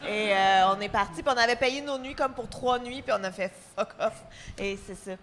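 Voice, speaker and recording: A woman's voice: medium pitch, moderate pace, a bit bright. A woman with a Québécois French accent, co-hosting a live podcast and telling a story casually with laughter in her voice. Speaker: podcast co-host.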